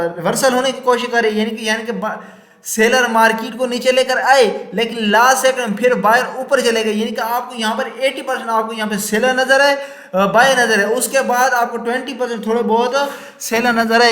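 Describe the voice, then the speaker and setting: A man who teaches chart patterns to beginners, talking fast with many fillers and restarts. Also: extremely high pitch, fairly bright tone. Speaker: trading teacher. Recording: echoey room.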